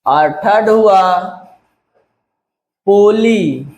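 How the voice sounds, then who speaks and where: A man teaching a grammar lesson to a class. He talks slowly and repeats key words, spells them out letter by letter and keeps checking whether the class understood. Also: high voice, animated, darkish tone. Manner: slow, repeats and spells words out, asks "clear?". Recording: echoey room.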